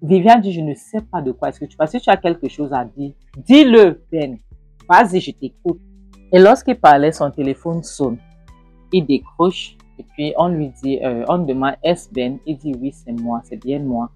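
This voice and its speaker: A woman retelling a film plot scene by scene, acting out the characters' shouted lines as she goes. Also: sits low, normal speed, breathy edge, no echo, soft background music. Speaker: film recap narrator.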